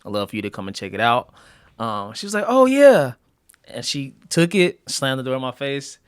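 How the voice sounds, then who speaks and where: A man in his late twenties hosting a podcast, relaxed and easygoing, telling stories and nodding along. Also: mid-range voice, moderate pace, clean tone, no echo, clean studio sound. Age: 20s. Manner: relaxed, easygoing, affirming with mm-hmms. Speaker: podcast host. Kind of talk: casual interview chat.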